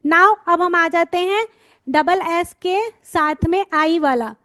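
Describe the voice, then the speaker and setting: Slow, high-voiced woman teaching phonics. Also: bright, forceful tone, dry recording. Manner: patient, slow sounding-out of letters and blends; checks in with students often. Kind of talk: spoken lesson, sounding out words.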